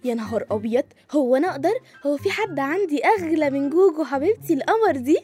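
Teasing young Egyptian granddaughter, fast and high, faint music. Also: female voice, animated, dark tone. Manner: coaxing, teasing, patient.

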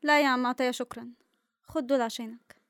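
High, very fast Egyptian young woman. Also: fairly even intonation, vocal fry, fairly bright tone, smooth, no echo, clean studio sound. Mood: brisk, practical. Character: lively, sardonic, self-reliant young woman photographer. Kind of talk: radio drama acting.

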